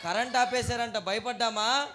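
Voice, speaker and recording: A man with a very high voice hosts a church puppet show for children, speaking at normal speed with a steady tone while exclaiming and calling out questions to the kids. The lively exchange with the children and a puppet is recorded at a noisy live event, with a crowd of children and loud noise behind him.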